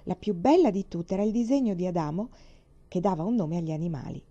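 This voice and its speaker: A woman reading a children's storybook aloud in a calm, measured way. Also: fairly low pitch. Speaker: reader. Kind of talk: storybook narration. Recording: dull lo-fi recording.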